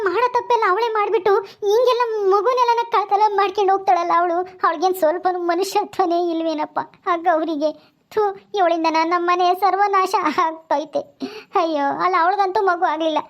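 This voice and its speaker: A woman playing a grieving grandmother in a village family drama, who wails and scolds fiercely. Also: extremely high pitch. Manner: wailing, scolding, rapid.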